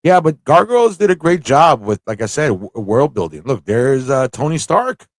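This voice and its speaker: With a sing-song, medium-pitched voice at a moderate pace, a man hosts a rambling livestream, tossing out informal chat and commentary. There's no room sound, and he thinks aloud, often repeating himself.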